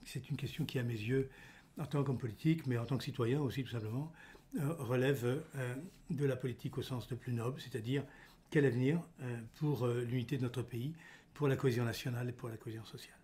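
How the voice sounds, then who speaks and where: A man's voice: mid-range voice, fairly even intonation, fast, dark tone, slight background noise. An older man hosting an interview, asking long formal questions with hesitant fillers, recorded on a desk studio microphone in an office. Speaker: podcast host, politician. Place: indoor office.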